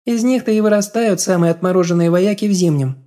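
Brief: man voicing a blunt woman fighter, high and dark-toned, storybook read. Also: fast talker, close to an everyday voice. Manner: blurts in bluntly. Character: brash outspoken adult woman fighter. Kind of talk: audiobook character voice.

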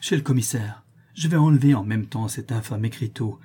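A man's voice: medium pitch, a little fast, mellow, breathy edge. A man voicing a despairing old male porter who is easily upset, in a read-aloud novel. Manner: dramatic, wailing complaints.

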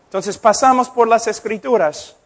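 A man's voice: extremely high pitch, normal speed. A middle-aged man preaching a sermon as a pastor, impassioned and acting out conversations in shifting voices.

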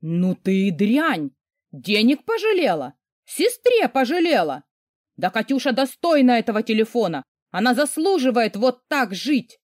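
A woman voicing a harsh, mocking middle-aged mother who scolds loudly. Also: mid-range voice, big pitch swings, moderate pace, dry recording, clean studio sound, lightly acted. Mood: scornful shouting.

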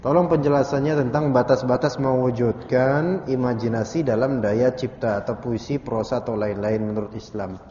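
Man giving a religious lecture, animated and jokey, lots of asides to the crowd, mellow voice, echoey hall, dull lo-fi audio. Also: medium pitch, moderate pace, few pauses, slight background noise. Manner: animated, joking, rhetorical asides. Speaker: Islamic religious teacher. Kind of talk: Islamic study lecture.

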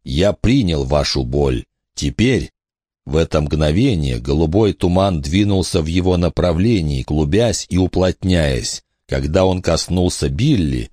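A man's voice: deep voice, dark tone, no echo, clean studio sound. A man reading a horror audiobook as narrator, telling the story expressively.

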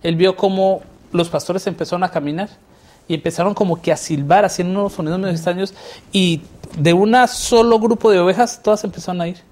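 A man hosting a relaxed Bible lesson discussion, chatting and asking leading questions. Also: high voice, fairly quick. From not from Mexico. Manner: conversational, asks leading questions. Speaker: host.

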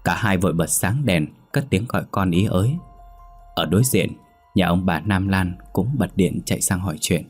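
A man narrating a scripted ghost story in a measured, dramatic way. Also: low voice, breathy edge, soft background music.

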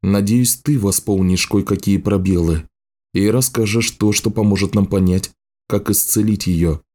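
A man's voice: lowish voice, normal speed, close to an everyday voice. Man voicing grim resolute lord. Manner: firm, steady.

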